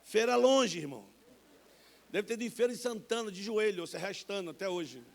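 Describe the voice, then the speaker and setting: A man in his fifties with a Brazilian Portuguese accent, preaching a personal testimony in church, animated and acting out the people in his stories. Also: high-pitched, quick pace, creaky. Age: 50s. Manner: animated, acts out voices in his stories, calls listeners brother. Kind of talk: sermon testimony. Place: church sanctuary.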